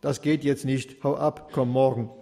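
A man doing a gruff, grumpy greedy judge. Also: on the high side, expressive, measured pace, warm tone, long reverb tail, heavily acted. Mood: angry.

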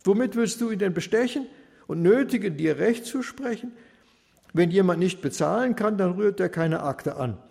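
A man voicing a greedy, brazen neighbour who talks loud and gloating, in rhymed storytelling. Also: sits high, animated, moderate pace, gravelly, long reverb tail, pitched above the performer's own voice. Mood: mocking.

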